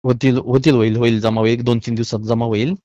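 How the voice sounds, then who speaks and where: A man's voice: mid-range voice, flat delivery, fairly quick, mellow, dry recording. A man, an official taking a call over the phone, who reassures the caller and repeats his promises over and over. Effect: heard over the phone. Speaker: government official answering a caller. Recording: dull phone line.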